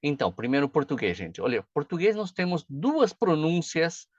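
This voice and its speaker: Chatty teacher, dull dry recording. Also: male voice, a little high, big pitch swings, moderate pace, no echo. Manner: chatty, frequent "tá?" and "né?" check-ins. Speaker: pronunciation teacher. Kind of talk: casual video lesson.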